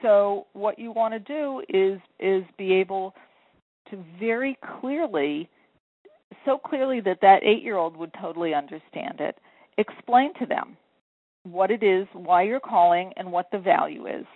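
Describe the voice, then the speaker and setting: In this phone interview, a woman who is both an author and a sales coach gives encouraging, earnest guidance one step at a time. Her mid-range voice is animated and a little slow, with no room sound, though the telephone line makes it tinny.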